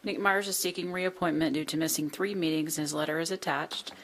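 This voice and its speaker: A woman's voice: low-pitched, steady tone, fairly quick, slight background noise. A woman on town staff reading a formal agenda item aloud at a board meeting. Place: public meeting room.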